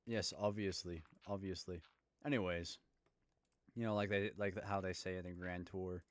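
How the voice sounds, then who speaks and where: A man's voice: low voice, fairly even intonation, moderate pace, no room sound. A man playing a game with a friend, playful and teasing in casual chat. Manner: playful, teasing, joking asides. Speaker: co-player.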